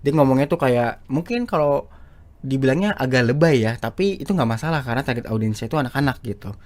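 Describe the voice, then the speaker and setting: A man's voice: medium pitch, animated, fast talker. A man giving a casual lesson on speaking for short videos, chatty and full of fillers and restarts. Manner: chatty, repeats himself, many fillers and restarts. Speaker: YouTube teacher of public speaking. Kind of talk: casual screen-share lesson.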